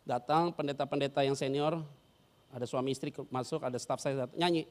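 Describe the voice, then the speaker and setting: Speaking a little fast in a mid-range voice, a male pastor brings his sermon to life by acting out scenes in his stories. His language is slangy and casual, and he keeps quizzing the congregation.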